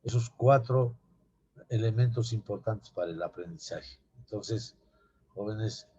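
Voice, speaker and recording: A man's voice: lowish voice, a little slow, mellow, breathy edge. A man giving an anatomy lecture to students, often asking rhetorical questions and calling them "young people.". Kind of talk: classroom lecture. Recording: dull lo-fi classroom recording.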